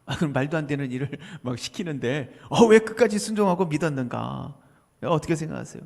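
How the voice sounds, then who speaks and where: Pastor guy preaching, high voice, swoops all over, lots of "right?" type questions, big echoey church. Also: animated, brisk, gravelly, darkish tone. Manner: emphatic, rhetorical questions, sudden drops to near whisper. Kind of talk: sermon. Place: church sanctuary. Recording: reverberant church hall.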